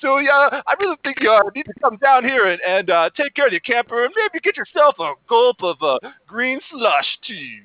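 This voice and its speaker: Guy putting on a high, fretful gas station owner leaving a voicemail, stammers a lot, tinny call sound. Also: very animated. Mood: worried rambling. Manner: halting, stammering repeats. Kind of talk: improv comedy voicemail. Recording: tinny phone-like call audio.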